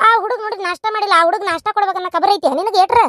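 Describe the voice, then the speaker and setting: A woman playing a bossy older village mother-in-law in a cartoon, nagging and scolding with a North Karnataka Kannada accent. The voice is very high and thin, and it is recorded dry and close. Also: steady tone, no echo. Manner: sharp, nagging, rapid scolding. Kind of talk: cartoon voice acting.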